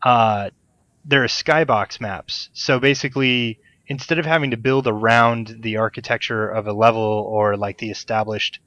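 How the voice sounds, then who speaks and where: A man's voice: on the low side, steady tone, moderate pace, fairly bright tone, dull audio. A man hosting a podcast in casual chat over a call, enthusiastic and rambling, swearing freely. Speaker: podcast host. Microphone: desk mic on a call.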